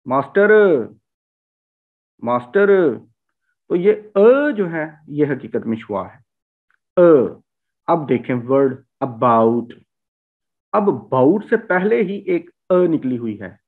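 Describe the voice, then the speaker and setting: A man from Punjab teaching English vowel sounds in a lecture, repeating example words with heavy stress. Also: medium pitch. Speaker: language teacher. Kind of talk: spoken phonetics lecture. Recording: tinny phone-like sound.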